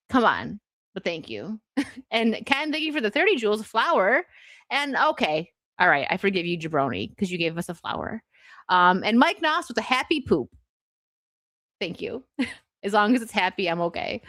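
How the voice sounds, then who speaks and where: A woman's voice: on the high side, fairly bright tone, no echo. A woman hosting a casual livestream chat, talking in a giggly, rambling way full of fillers. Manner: chatty, giggly, many "like" fillers. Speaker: streamer host.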